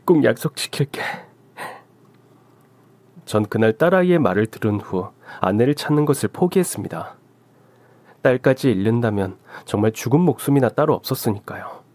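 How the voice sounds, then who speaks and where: A man's voice: medium pitch, lively intonation, a little fast, darkish tone, no echo. A man in his forties narrating his own story in the first person, earnest and emotional.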